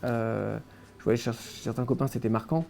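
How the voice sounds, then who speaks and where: Young man from France, interview guest, gravelly, mellow tone, hesitant. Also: medium pitch, steady tone, normal speed. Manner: hesitant, many restarts and fillers. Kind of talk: casual interview, recounting his childhood.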